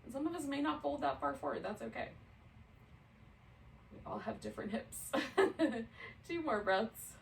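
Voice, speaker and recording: A woman's voice: high voice, moderate pace, vocal fry, pauses often, a little hiss or hum. Woman guiding a yoga class from across a roomy space. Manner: relaxed, chatty, laughs easily. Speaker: yoga instructor. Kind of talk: guided yoga class instruction. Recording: roomy sound, mic at a distance.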